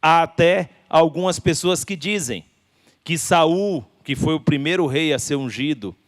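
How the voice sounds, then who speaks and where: A man with a Brazilian Portuguese accent, preaching a sermon as a pastor with emphatic delivery and deliberate pauses. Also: a little high, dry recording, clean studio sound.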